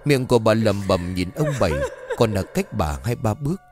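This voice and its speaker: A man's voice: lowish voice, normal speed. Dramatic man. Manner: dramatic, expressive telling. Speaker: storyteller. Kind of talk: ghost story narration. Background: faint music.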